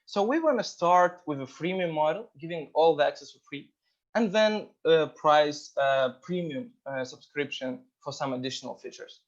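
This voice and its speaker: A man founder giving a startup pitch through his video call microphone while sharing his screen, earnest and dotted with "uh" fillers. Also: normal speed, dull audio. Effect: video call audio while sharing his screen. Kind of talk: demo day pitch presentation. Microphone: computer microphone on a video call.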